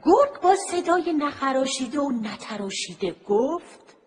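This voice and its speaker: A woman's voice: high-pitched, expressive. A woman narrating a children's story expressively, over music.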